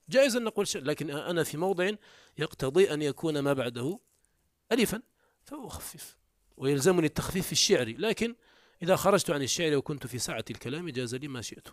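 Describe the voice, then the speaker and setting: A male teacher with a somewhat high voice lectures on grammar, working through examples step by step. He keeps checking that his listeners follow and recites rhymed prose aloud. His voice swings between raised emphasis and low, quiet asides, and the recording is close and dry. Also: lively intonation, no echo. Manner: explains step by step, often checks understanding with quick questions. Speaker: teacher of Arabic morphology. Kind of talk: classroom lecture.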